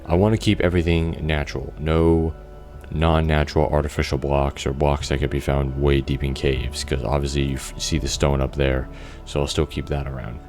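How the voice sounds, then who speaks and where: Male gameplay commentator, extremely deep voice, loose casual rambling, occasional swearing. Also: level tone, moderate pace, few pauses, darkish tone, soft background music. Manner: rambling, thinks aloud, frequent restarts and fillers. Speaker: gameplay video creator.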